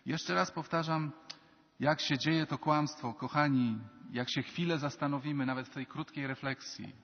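A male priest giving a lively sermon in a large basilica. He acts out dialogue with shifting voices. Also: fairly high pitch, normal speed. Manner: animated, acts out quoted dialogue in changing voices. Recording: long basilica reverb, dull lo-fi sound.

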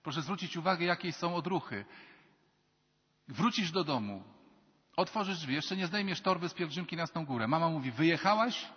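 Man, priest, sermon, husky voice, animated, long basilica reverb, muffled lo-fi sound. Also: fairly high pitch, moderate pace, long pauses. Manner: animated, acts out quoted dialogue in changing voices. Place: large basilica.

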